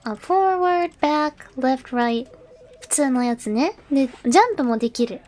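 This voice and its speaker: This VTuber streamer chats casually, full of fillers, talking to herself during setup and afterward translating the game narration aloud. Her high-pitched voice is expressive and darkish in tone, a little slow, with a slight hiss or hum in the audio.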